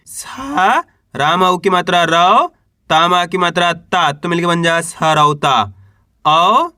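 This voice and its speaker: A man with a high, bright voice teaches reading. He breaks each word into syllables, says them slowly, then asks the listener to repeat. The close recording is dry, with no room sound. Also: no echo. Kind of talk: spoken lesson.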